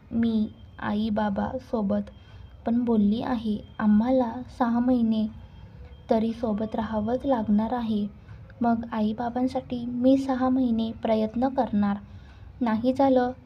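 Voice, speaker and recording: A woman voicing a gentle, sorrowful young newlywed woman in a read-aloud story. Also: fairly high pitch, slightly rough, highs cut off. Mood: resolved. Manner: quiet and sorrowful.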